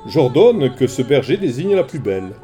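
A man's voice: medium pitch, very animated, moderate pace, warm tone, close to an everyday voice. A man voicing the king of the gods who blusters and gives orders, over faint music in a storybook reading. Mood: relieved. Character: harried king of the gods, relieved.

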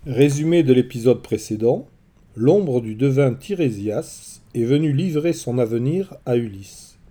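Male narrator, very dark mellow voice, expressive scripted storytelling. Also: mid-range voice, husky.

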